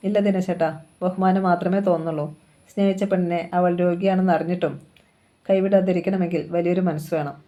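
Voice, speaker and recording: A storyteller reading a novel aloud, voicing a kind young woman who calmly reassures and makes peace. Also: mid-range voice, fast talker, lo-fi sound, close to an everyday voice. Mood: gentle. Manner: gentle, reassuring.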